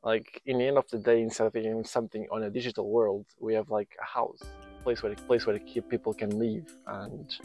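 A man's voice: fairly low pitch, flat delivery, fairly quick, darkish tone, no room sound, soft background music. Hesitant man on a dry lapel mic. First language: Portuguese. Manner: hesitant, searching for words with many restarts. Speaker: volunteer builder. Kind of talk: casual on-site interview. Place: outdoor building site in the countryside.

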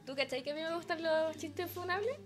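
A woman's voice: very high-pitched, fairly quick. A woman with a Chilean accent on a joke blind date, flirty and giggly. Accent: Chilean Spanish. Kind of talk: playful blind date banter.

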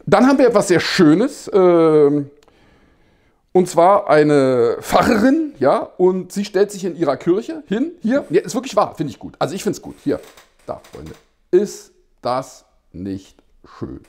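A man's voice: sits high, sing-song, unhurried, darkish tone. A man hosting a satirical news show, reading out headlines and adding ironic, mock-innocent asides, often chuckling between remarks.

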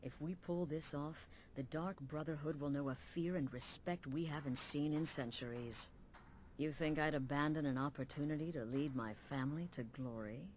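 A woman's voice: deep voice, moderate pace, a little hiss or hum, lightly acted. An actress voicing a hard-edged female assassin guild leader in a video game, blunt and commanding with a wry edge. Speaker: game character.

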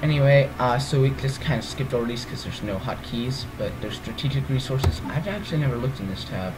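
This let's play gamer sounds groggy yet speaks briskly, his medium-pitched voice lively in intonation over background noise. He tours a strategy game's menus in a casual walkthrough. His narration rambles and wavers, packed with ums and self-corrections.

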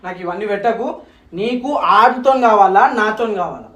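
A man's voice: sits high, music in the background. A young man with a Telangana accent, arguing angrily and accusingly in a vlog. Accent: Telangana Telugu. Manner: angry, accusing, rapid-fire. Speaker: vlogger. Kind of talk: heated couple argument. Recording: roomy echo.

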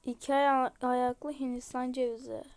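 A high-pitched woman talks her viewers through a game. She reacts excitedly to each new find and gushes over the cute items. Her commentary is casual and chatty. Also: moderate pace. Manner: excitable, gushing exclamations. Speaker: game vlogger.

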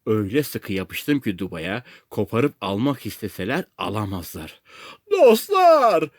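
A man narrating a comic story in the first person as an audiobook reader, with an expressive, playful telling. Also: lowish voice, moderate pace, breathy edge, dry recording, studio quality.

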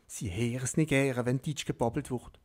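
A man voicing a cautious Alsatian woman friend with an Alsatian accent, talking low and hushed. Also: fairly even intonation, moderate pace, natural voice.

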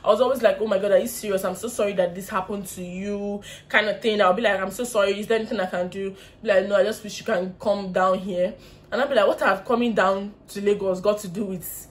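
Animated young Nigerian woman vlogger. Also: a little high. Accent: Nigerian English. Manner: animated, laughing, mimics others' voices. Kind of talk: casual storytime vlog.

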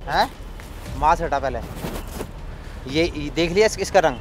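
A man's voice: a little high, a little slow, music in the background. A man angrily accusing a woman, repeating commands over and over, outdoors on a city street. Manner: aggressive, repetitive, commanding. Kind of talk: heated confrontation. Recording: clear street noise.

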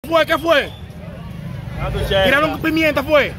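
Brief: Dominican man, live street reporter, very high voice, jokey and whooping, crowd noise around him. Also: measured pace. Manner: excitable, joking, whoops loudly. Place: outdoors on a city street by a courthouse.

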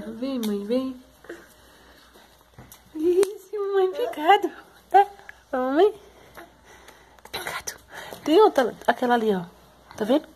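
A woman's voice: fairly high pitch, darkish tone, a little hiss or hum. A young mother with a Pernambuco Brazilian accent, talking to her toddlers in a playful sing-song baby-talk voice for a home vlog. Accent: Pernambuco Brazilian Portuguese. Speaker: mother of triplets, vlogger.

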